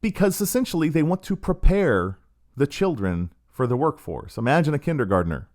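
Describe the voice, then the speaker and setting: This middle-aged man, hosting a podcast, spins a story as a casual, sardonic monologue and performs the quoted lines. He speaks at normal speed in a sing-song voice on the high side, with a darkish tone.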